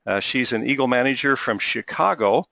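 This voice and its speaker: A middle-aged man hosting an interview, courteous and halting, with many filler sounds. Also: mid-range voice, lively intonation, vocal fry, a bit bright, no echo. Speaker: host.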